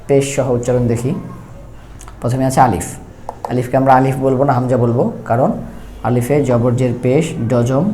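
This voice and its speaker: A man teaches Quran letters in a calm, even, mellow voice. He goes step by step and stretches each sound out slowly. A faint hiss sits under the recording. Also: mid-range voice. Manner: slow, repetitive, drawn-out letter sounds. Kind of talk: step-by-step recitation lesson.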